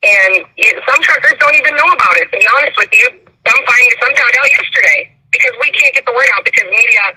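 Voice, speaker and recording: A woman speaking earnestly and plaintively as a phone-in guest in a live interview, over a rough telephone line. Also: a little high, fast talker, hardly any pauses, pushed and bright. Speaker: phone-in guest from a protest convoy.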